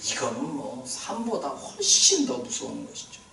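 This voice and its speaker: A male pastor preaching a sermon in a prayer retreat hall, animated and questioning his congregation, heard from a distance. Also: medium pitch, moderate pace, vocal fry, slight background noise.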